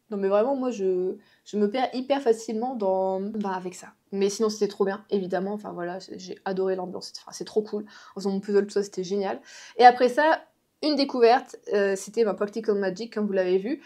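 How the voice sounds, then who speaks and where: A woman's voice: mid-range voice, mellow. A woman chatting casually to her viewers in a vlog, rambling and full of fillers and restarts. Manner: chatty, addresses viewers directly. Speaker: vlogger.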